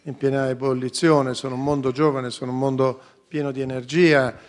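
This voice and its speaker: A man who is a business executive, answering on a radio interview in a measured, thoughtful way, listing his points. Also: mid-range voice, little pitch movement.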